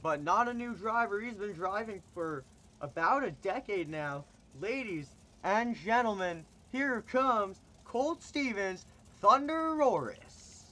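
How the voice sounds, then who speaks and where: With lively intonation and a sharp tone, a man plays arena announcer for a monster truck show. He booms out hyped commentary and stretches his calls long, though his voice is giving out.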